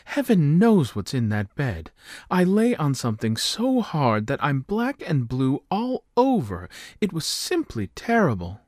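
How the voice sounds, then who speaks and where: A man's voice: on the high side, huge pitch swings, measured pace, a little mellow, no room sound, studio quality. A man voicing a delicate young princess who complains in a plaintive, fussy way. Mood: aggrieved.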